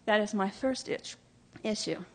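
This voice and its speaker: A woman's voice: mid-range voice, measured pace. A nervous woman addressing a city council during public comment, earnest and stumbling over a few words. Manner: earnest, a few slips and restarts.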